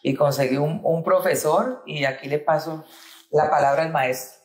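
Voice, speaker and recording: A woman's voice: sits low, normal speed, echoey room. A woman with a Colombian accent, a guest in an interview, telling her career story fluently. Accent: Colombian Spanish. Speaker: guest, insurance agent. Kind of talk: interview conversation.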